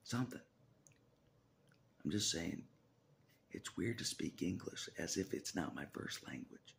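A religious vlogger in his forties rambles through a personal vlog, filmed on a phone at arm's length in a small room, with hesitant restarts, repeated phrases and half-whispered asides. His low, creaky voice is expressive and unhurried, with slight background noise.

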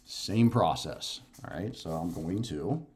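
At home in his living room, a fitness and nutrition coach in his forties gives a casual instructional talk to camera. His voice sits low, darkish and expressive, and he speaks slowly. He explains step by step, repeating himself and often checking in with "okay?" or "right?".

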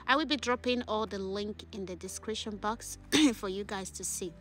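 A woman's voice: medium pitch, sharp tone. A woman vlogger chatting through a casual try-on haul, enthusiastic about the clothes and tagging a questioning "okay?" onto her sentences. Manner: chatty, often adds a questioning "okay?" at the end of phrases; switches to voice-over narration partway.

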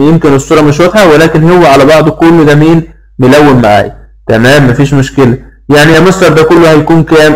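Rapid-fire Egyptian male math teacher. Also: on the high side, poor audio. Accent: Egyptian Arabic. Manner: plays both teacher and pupil, counting aloud step by step. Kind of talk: recorded primary-school math lesson.

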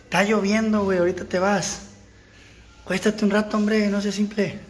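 Speaking in a high-pitched, level tone at a moderate pace, a young man with a Sinaloan Mexican Spanish accent vlogs from home as rain falls. Despite a sore throat, he chats casually, talking to stray cats in a crude but kind way.

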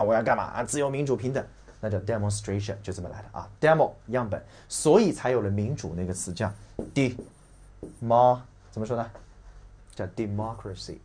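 In this recorded exam-prep vocabulary lesson, a husky-voiced Chinese man with a low-ish, mellow tone teaches bluntly and brashly. Between casual swearing, mocking and ranting, he goes slowly over spellings and word stress, repeating the key words.

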